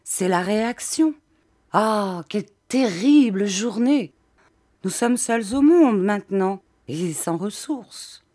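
A woman reading an audiobook, voicing a sentimental, mournful middle-aged husband who speaks slowly with sighs. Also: sits low, dark tone.

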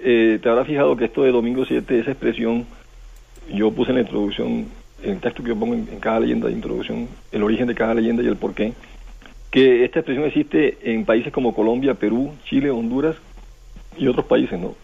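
A Costa Rican man with a gravelly, husky voice tells a folk tale at an unhurried, meandering pace. He keeps adding questioning tags and starting sentences over. His voice comes through a thin, tinny phone line. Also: mid-range voice, fairly even intonation. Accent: Costa Rican Spanish. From Costa Rica. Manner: rambling, with frequent questioning tags and restarts. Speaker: guest storyteller. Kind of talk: relaxed radio storytelling.

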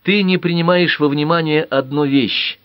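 Man doing an earnest young girl reasoning with her dad, higher voice, dry audiobook. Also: normal speed, clean tone, dry recording, dull audio, lightly acted. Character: young woman, twenty, calm and persuasive.

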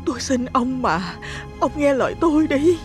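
A man's voice: very high voice, lively intonation, normal speed, soft background music, voice pushed up. A man voicing a frightened, pleading middle-aged village wife in a ghost story. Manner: pleading, praying, anxious.

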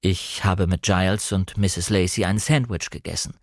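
A man reading an audiobook, voicing a cautious, reserved gentleman who speaks slowly and gravely, his voice deep and slightly husky. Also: fairly even intonation, no room sound, studio quality. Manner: slow, measured, grave.

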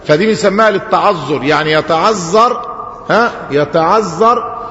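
A man's voice: sits high, moderate pace, bright, forceful tone. A man with an Egyptian accent, a sheikh teaching an Arabic grammar lesson, who poses questions to the class and answers them himself. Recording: echoey hall, dull lo-fi sound.

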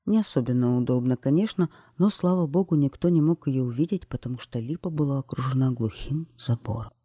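Mellow male storybook narrator. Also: medium pitch, fairly quick, slightly rough, no echo, studio quality. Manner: gentle, expressive fairy-tale telling. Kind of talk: storybook reading.

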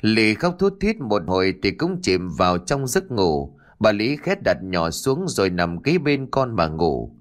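A man narrating a story in an expressive, dramatic way. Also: on the low side, measured pace, hardly any pauses.

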